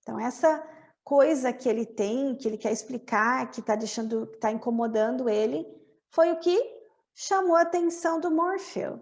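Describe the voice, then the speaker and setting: A woman with a Brazilian Portuguese accent, teaching English by explaining film lines and repeating phrases slowly and deliberately. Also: high-pitched, a little mellow.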